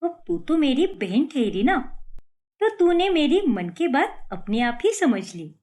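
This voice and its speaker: A woman's voice: high-pitched, very animated, slow pace, a little mellow, full character voice. A woman voicing a cheeky, scheming young daughter-in-law in a cartoon story, talking in a sly, plotting way. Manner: sly, conspiratorial.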